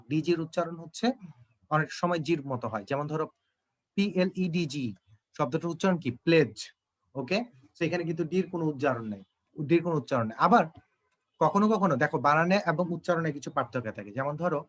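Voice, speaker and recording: A young man teaching English vocabulary and grammar for an exam, explaining each answer to students and reading English sentences slowly. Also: on the high side. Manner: explanatory, addresses students directly, slow when reading English. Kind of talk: exam-prep English lesson.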